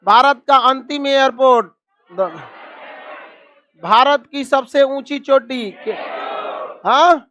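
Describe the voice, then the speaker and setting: A man teaching a classroom map lesson, scolding students and drilling them with quick repeated questions. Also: extremely high pitch, fairly even intonation, sharp tone, a faint crowd. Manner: scolding, calls students donkeys.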